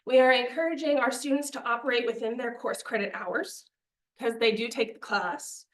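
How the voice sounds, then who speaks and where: A woman's voice: a little high, fairly even intonation, moderate pace, fairly bright tone. A young woman presenting a student media budget to a committee, earnest and persuasive, a little out of breath. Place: meeting room. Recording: echoey meeting room.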